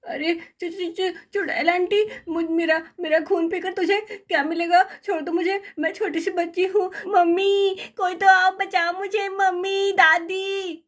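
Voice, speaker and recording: A woman's voice: sits high, takes it slowly, fairly bright tone. A woman voicing a frightened little girl who stammers and wails for her mother in a doll story. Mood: pleading. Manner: stammering, wailing cries.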